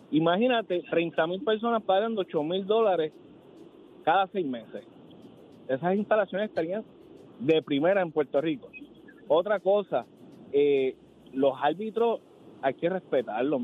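A man's voice: on the high side, a little hiss or hum. A man calling in to a radio sports show, earnest, laying out his points one by one. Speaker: caller. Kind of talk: call-in comment on radio. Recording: tinny phone line.

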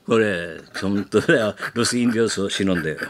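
東京の下町なまりで話す年配の男性ラジオホストが、スタジオで冗談まじりに早口で雑談している。. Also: male voice, lowish voice, crowd noise. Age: older. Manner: joking, teasing, rapid banter. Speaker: radio show host. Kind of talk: casual radio chat. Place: radio studio.

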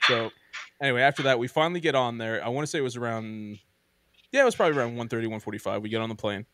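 A man's voice: mid-range voice, rapid-fire, a little hiss or hum. A man telling a long travel story in casual podcast chat, swearing and acting out what people said. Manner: animated, swears often, acts out quotes. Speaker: podcast co-host.

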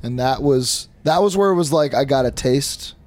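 A man's voice: mid-range voice, expressive, moderate pace, a little mellow. A man in his early thirties co-hosting a podcast, bantering and hyping his guest in casual chat. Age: early 30s. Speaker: podcast co-host.

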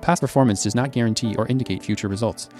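A man reading a legal disclaimer in a rapid, flat delivery. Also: mid-range voice, faint music behind. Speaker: disclaimer announcer.

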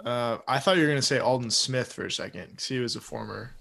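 A man co-hosting a sports talk show, chatting casually and explaining things in a tentative, halting way. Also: mid-range voice, vocal fry, bright, forceful tone. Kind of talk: casual chat.

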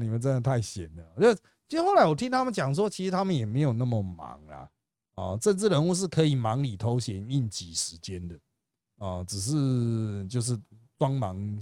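A man with a Taiwanese Mandarin accent hosting a podcast, telling funny stories in a casual, animated way, often laughing and swearing casually. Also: on the low side, no echo. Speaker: podcast host. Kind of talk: casual storytelling chat.

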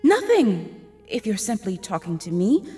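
An actress voicing a goddess in disguise as a humble young hairdresser, ingratiating and pleading in a podcast audio drama. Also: female voice, mid-range voice, wildly swooping pitch, unhurried, warm tone, in a large hall, soft background music.

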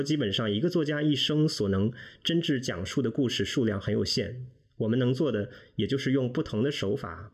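A man in a podcast book discussion, speaking in a measured, reflective way. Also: mid-range voice, husky. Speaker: podcast guest, reader. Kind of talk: casual discussion.

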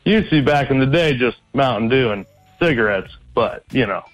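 A man's voice: mid-range voice, animated, moderate pace, soft background music. A man leaving a casual, chatty voicemail message, heard over a landline phone. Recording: dull lo-fi phone line.

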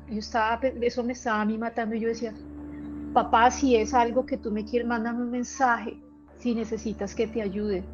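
A woman with a fairly high, slightly mellow voice speaks in a casual interview about her own experiences. She is earnest and emotional, and her storytelling halts at times. The sound quality is lo-fi.

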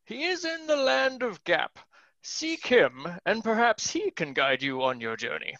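A man's voice: high voice, sing-song, a little slow, bright, forceful tone, dry recording, muffled recording, heavily acted. A man playing a pompous, bumbling old alchemist with a grand manner. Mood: grandiose. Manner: grandiose, then deflating.

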